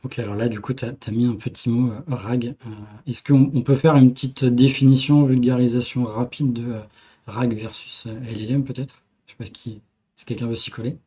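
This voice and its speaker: A male host steering a relaxed tech podcast panel, asking questions and inviting guests in turn. His voice is somewhat husky and mellow. Easygoing conversational delivery. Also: medium pitch, normal speed. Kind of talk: casual tech panel chat.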